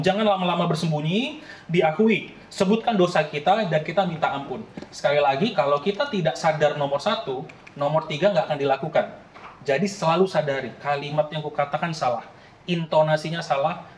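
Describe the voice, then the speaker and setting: A man in his late thirties preaches a sermon, earnest and conversational, often turning to the congregation. His voice sits a little high for a man. It echoes through a roomy church hall over a faint background ambience. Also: a little hiss or hum. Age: late 30s. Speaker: pastor.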